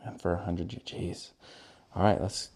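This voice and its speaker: A man's voice: low voice, level tone, unhurried, gravelly, a little mellow, breathy edge. A young man co-hosting a casual podcast, laid-back, mostly reacting with short remarks and questions. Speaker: podcast co-host. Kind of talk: casual chat.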